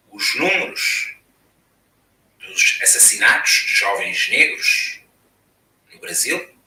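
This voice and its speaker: A man from Portugal with a European Portuguese accent, giving an academic lecture as a conference panelist, building his points with measured, repeated phrases. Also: on the low side, pushed and bright. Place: room, online conference talk. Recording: echoey room, speaker far from mic.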